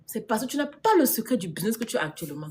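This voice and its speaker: This business coach's voice is a little high and a little mellow, racing along with big swings in pitch. Chatting on a live stream, she answers viewers' comments, repeats points to drive them home, laughs often, and throws in English words.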